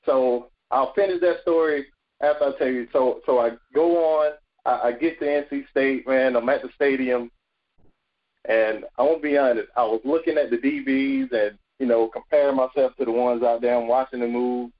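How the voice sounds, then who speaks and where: A man, telling animated stories as a podcast guest, often repeating words and saying "you know". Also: mid-range voice, normal speed, highs cut off. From South Carolina, USA. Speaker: guest, former football player. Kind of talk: storytelling in a podcast interview.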